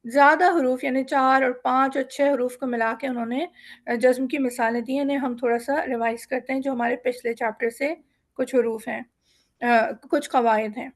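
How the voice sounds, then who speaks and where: A woman teaching a Quran reading lesson, explaining rules step by step and slowly drawing out example words for students to repeat. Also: high voice, fairly even intonation. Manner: mixes English words into her speech.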